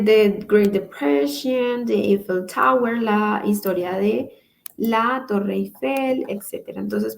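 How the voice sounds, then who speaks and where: A woman's voice: medium pitch, creaky, poor audio. A woman teaching an online class, explaining patiently step by step over a computer microphone. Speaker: English teacher. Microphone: computer mic on a video call.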